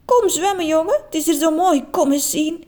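Brief: woman voicing playful old Flemish granny, bright high calls, affectionate, lively swings in pitch. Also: normal speed. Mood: joyful, teasing. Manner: teasing, affectionate, excited calls.

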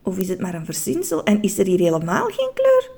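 A woman narrating a children's story in an expressive, playful, suspenseful way. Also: lowish voice, fast, creaky, slightly rough.

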